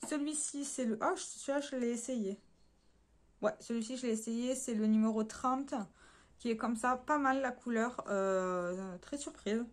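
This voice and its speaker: A woman's voice: fairly high pitch, unhurried. A woman chatting casually through a beauty haul, hesitating often with fillers and correcting herself as she talks straight to her viewers. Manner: addresses viewers directly while showing swatches. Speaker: beauty vlogger.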